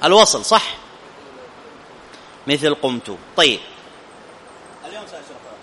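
A male teacher with a high, piercingly bright voice leads a classroom grammar lesson. He keeps asking students questions and checking whether they follow. The sound rings out in a long hall reverb. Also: sing-song, normal speed, a little hiss or hum.

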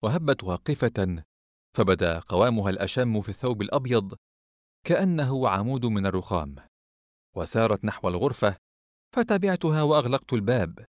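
A man giving scripted narration of a novel as an audiobook reader, in a measured literary delivery. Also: lowish voice, very animated, no room sound, clean studio sound.

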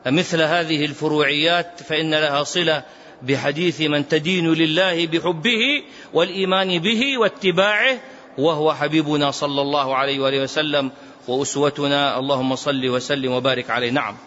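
Emphatic sheikh teaching, lo-fi recording. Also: male voice, a little high, brisk, sharp tone. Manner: emphatic, rising sharply when stirred; chants Quranic verse in a melodic recitation. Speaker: sheikh teaching a hadith text. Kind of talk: classroom commentary on a classical text. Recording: dull lo-fi recording with faint noise.

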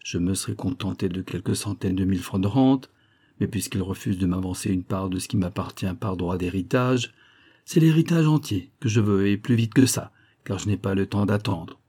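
A man's voice: on the low side, warm tone, breathy edge. A man doing a cynical scheming crook. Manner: coolly reasoning, persuasive. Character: cynical scheming male criminal plotting a murder. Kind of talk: audiobook character voice.

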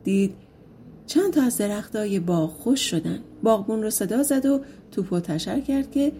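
A woman's voice: medium pitch, lively intonation, mellow, a little hiss or hum. A woman narrating a folk tale audiobook in a casual, colloquial storytelling manner.

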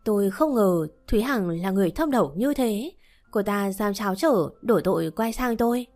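Woman narrator, mid pitch, first-person audiobook, soft music bed. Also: lively intonation, normal speed.

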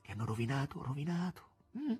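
A man reading aloud voices a passionate young woman in a high, breathy voice, tender and pleading at times, gushing with joy at others. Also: expressive, measured pace, dark tone, exaggerated voice. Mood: tender, tearful.

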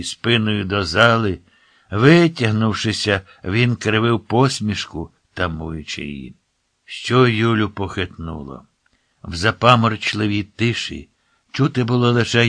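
A man with a fairly low voice narrates a literary story, measured and wry in his delivery. The recording is close and dry, with no room sound at all. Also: fairly bright tone, no room sound.

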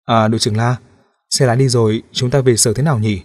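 A man's voice: medium pitch, steady tone, quick pace, darkish tone, dry recording, studio quality, natural voice. A male audiobook narrator voicing a joking young police officer with a light, casual manner.

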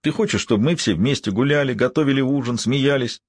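A man voicing a soft-spoken, manipulative man who calmly coaxes his young niece into keeping a secret. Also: medium pitch, a little fast, dry recording, studio quality, pitched above the performer's own voice, lightly acted. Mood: coaxing. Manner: soft, calm and coaxing.

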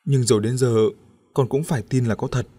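A man's voice: medium pitch, fairly even intonation, fairly quick, warm tone, breathy edge, no room sound, studio quality, close to an everyday voice. A man voicing a worried young husband. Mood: weary. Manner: urgent, weary.

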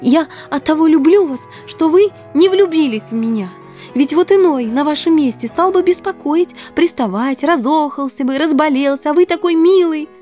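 A woman's voice: high voice, normal speed, warm tone, faint music behind, pitched above the performer's own voice, lightly acted. A woman reading an audiobook, voicing an eager, affectionate young woman with breathless exclamations. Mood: delighted.

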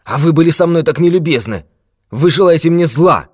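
A man's voice: high-pitched, expressive, moderate pace, voice pushed up. A man voicing a frail, paranoid old man who shrieks in panic. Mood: panicked.

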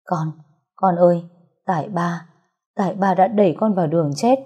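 A woman's voice: lowish voice, normal speed, slightly rough, dull audio. A woman voicing a middle-aged male general, a stern father broken by grief. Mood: anguished. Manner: shouting then weeping.

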